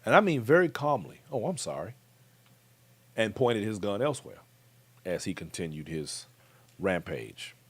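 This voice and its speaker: An American man delivers commentary with an emphatic, direct manner, often addressing his viewers. His pitch swings widely as he speaks. The sound is dry and close, with no room around it. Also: big pitch swings, moderate pace, no echo. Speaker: commentary show host. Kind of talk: talk-show commentary.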